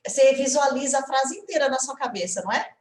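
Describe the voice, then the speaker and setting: A woman's voice: high-pitched, fast talker, roomy sound, poor audio. A woman with a Brazilian Portuguese accent, an English teacher giving an online lesson and quizzing her student as she explains.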